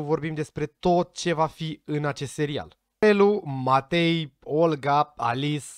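A man's voice: fairly high pitch, no room sound, clean studio sound. A man giving casual commentary to his viewers, chatty and speculative, sometimes tripping over names. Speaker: vlogger reacting to a series trailer.

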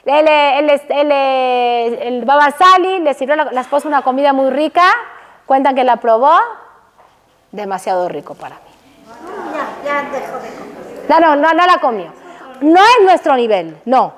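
A woman giving a religious lecture to a women's audience. She is animated, asks the audience questions and mixes in Hebrew terms. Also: high-pitched, moderate pace. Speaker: religious teacher. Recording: hall reverb.

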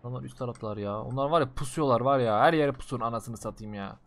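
Playing a mobile shooter, this young man talks to viewers in a slangy, excitable way, jumping from loud outbursts to low mutters. His pace is quick and his voice creaky.

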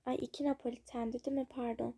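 Young female gaming channel host, high voice with some fry, casual chatter to viewers. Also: flat delivery, quick pace, mellow. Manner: chatty, self-conscious, giggly asides to viewers. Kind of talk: casual gameplay commentary.

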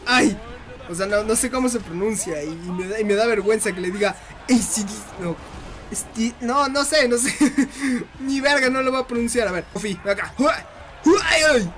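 A man giving casual gameplay commentary, excitable, laughing often and shrieking when hit. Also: high-pitched, normal speed, a little hiss or hum. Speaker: gaming commentator.

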